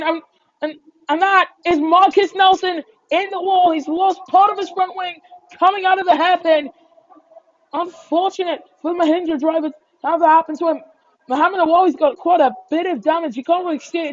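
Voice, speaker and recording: A high-voiced woman works as a motorsport commentator, calling a race live. Her delivery follows the action and lifts with it. The sound is dull and slightly lo-fi. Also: no echo. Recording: dull lo-fi microphone.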